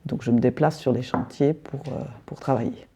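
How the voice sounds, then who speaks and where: Middle-aged woman, interview guest; halting answers, gravelly and deep-toned. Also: mellow, slight background noise. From Belgium. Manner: hesitant, many fillers and restarts. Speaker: decorative painter, interview guest.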